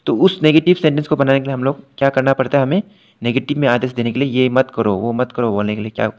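A male teacher walks a class through a grammar lesson in a patient, repetitive way, checking in with the students again and again. He reads each English example slowly and then translates it. His voice sits at a middle pitch, and the recording is dull and lo-fi. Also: a little mellow.

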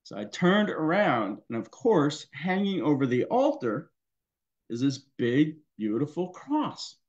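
A male pastor giving a personal testimony in a worship service, in a conversational, halting way with many fillers. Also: a little high, big pitch swings, highs cut off.

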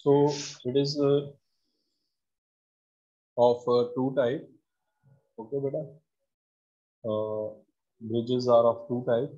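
A man with a North Indian accent giving a live online lecture in a halting delivery, as a teacher addressing students. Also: medium pitch, steady tone, warm tone. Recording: dull lo-fi online class audio.

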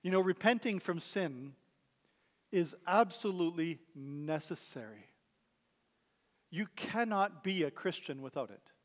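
High-voiced pastor preaching in a reverberant hall. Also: male voice, expressive, measured pace, pauses often. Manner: conversational preaching with rhetorical questions. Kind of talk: sermon. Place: church sanctuary. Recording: long church hall reverb.

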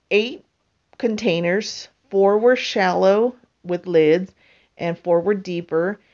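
A woman with a slightly low voice talks through her home footage at an unhurried, deliberate pace, pausing often as she explains each step. The sound is a bit dull and lo-fi. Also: darkish tone. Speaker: vlogger. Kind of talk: casual voice-over narration.

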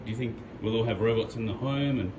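Australian man in his twenties, low voice, roomy hall, clear background noise. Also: quick pace. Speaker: visitor questioning a robot. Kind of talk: casual questions. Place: museum hall. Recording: echoey museum hall with crowd noise.

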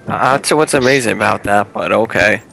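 A man's voice: fairly low pitch, fairly quick, gravelly, a bit bright, soft background music. A teenage boy chatting over voice chat while gaming, with sarcastic, exasperated banter toward a friend who keeps trolling him. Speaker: friend being trolled in a game.

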